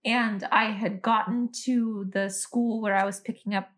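A woman's voice: mid-range voice, fairly even intonation, unhurried, fairly bright tone. A woman in casual conversation, reassuring her friend and then telling a story in a matter-of-fact way. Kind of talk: casual chat.

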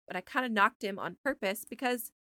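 A woman's voice: medium pitch, brisk, bright, forceful tone, dry recording, studio quality. A woman in her thirties co-hosting a podcast, chatting casually and filling her talk with "like". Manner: chatty, fills with "like". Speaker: podcast co-host. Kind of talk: casual chat.

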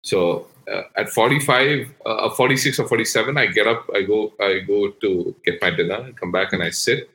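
A man's voice: on the low side, moderate pace, few pauses, sharp tone, reverberant, rough recording. A man chatting casually about football, telling a long story full of fillers and restarts. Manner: rambling storytelling with many fillers.

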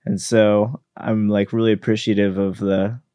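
A man's voice: fairly low pitch, little pitch movement, normal speed, warm tone, clean tone, no room sound. A man in his thirties, a guest musician, chatting in an easygoing way and laughing often. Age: 30s. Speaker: band member guest. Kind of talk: casual chat.

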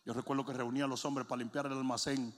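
A middle-aged man preaching a sermon in a large church, telling funny stories and then shouting as he builds. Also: mid-range voice, little pitch movement, quick pace. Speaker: pastor. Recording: long hall reverb.

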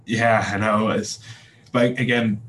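A young podcast guest from Northern Ireland, with a Belfast accent, speaks slowly in a lowish, level voice that's a bit bright. He's hesitant in this casual interview talk, with many fillers and restarts, and there's slight background noise.

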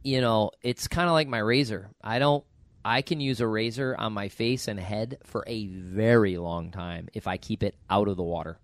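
A man hosting a podcast in casual, jokey chat, his voice hoarse and raspy from allergies, like a smoker's rasp. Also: fairly low pitch, moderate pace, no room sound. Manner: jokey, colloquial. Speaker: podcast host.

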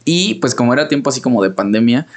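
A man's voice: mid-range voice, lively intonation, quick pace. A young man with a Mexican Spanish accent chatting casually on a podcast, telling a rambling story full of slang and fillers. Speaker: podcast co-host. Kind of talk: casual conversation.

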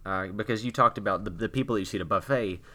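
A man co-hosting a comedy podcast who talks quickly in a bright, forceful voice. He is opinionated and jokey and rambles through long asides. His voice sits a little low. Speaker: podcast co-host. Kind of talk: casual comedic chat.

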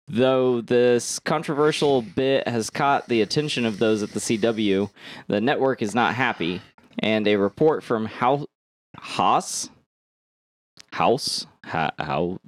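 Male podcast co-host, mid-pitched, giggly, halting headline reads. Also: expressive, dry recording. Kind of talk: casual podcast chat.

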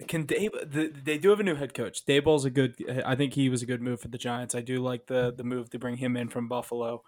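A man's voice: medium pitch, fairly even intonation, fairly quick, a little mellow, no room sound. An easygoing man talking through his picks in a casual chat, thinking aloud as he goes. His voice sits mid-range, recorded close and dry. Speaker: podcast co-host. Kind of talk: casual sports betting chat.

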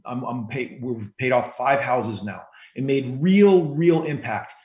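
An earnest man in his forties talks in a podcast interview as a guest author, laying out his points steadily. His voice sits at a middle pitch. The recording is roomy and slightly dull. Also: unhurried, a little mellow. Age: 40s.

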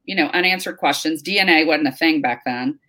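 Chatty middle-aged woman, lower voice. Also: brisk, faint music behind. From North Carolina, US. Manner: lively storyteller, many fillers and restarts. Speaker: guest. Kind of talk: casual interview chat.

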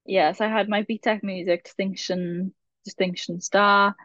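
A South Wales Valleys woman in her twenties speaks a little slowly in a mid-range, fairly bright voice with fairly even intonation. She's a chatty, rambling podcast guest who laughs at herself during a casual chat. The dry recording sounds a bit muffled.

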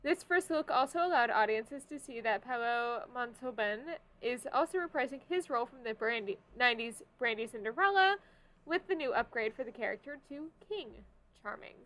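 Informal, higher-voiced woman on a podcast. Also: animated, normal speed, a bit bright, rough recording. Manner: informal, loose paraphrasing between read items. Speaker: podcast co-host. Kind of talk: entertainment news podcast, reading items and chatting.

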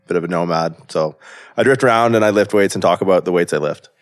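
A man's voice: sits low, quick pace. A man in his thirties, a strength coach and podcast guest, talking casually and at length, full of "like" and "right?" and the odd swear word. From Canada.

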